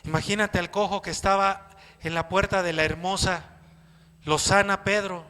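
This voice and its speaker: A man with a Mexican accent preaching a sermon as pastor, lively, acting out quotes and firing questions at the congregation. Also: high-pitched, moderate pace, clean tone. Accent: Mexican Spanish. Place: church hall. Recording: echoey church hall.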